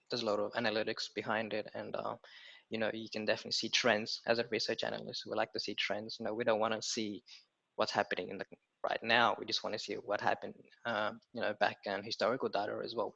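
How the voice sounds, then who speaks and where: A man's voice: lowish voice, fast, gravelly. A man in his twenties from Ethiopia, a guest chatting casually about his analyst work, with lots of "you know" and "um". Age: 20s. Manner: relaxed, many fillers like "you know" and "um". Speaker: guest, property research analyst. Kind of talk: casual interview chat. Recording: dull lo-fi audio.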